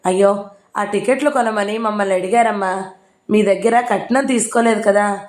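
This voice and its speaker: A woman's voice: medium pitch, normal speed, echoey room, natural voice. A woman voicing a plain-spoken older father in an audio novel, speaking simply and earnestly.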